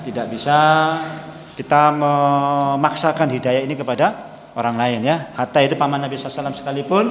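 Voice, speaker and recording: A man preaching at an evening mosque study session, talking casually and repeating key lines back to his listeners. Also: medium pitch. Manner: conversational, repeats key phrases, asks the audience questions. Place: mosque hall. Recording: echoey hall with faint hum.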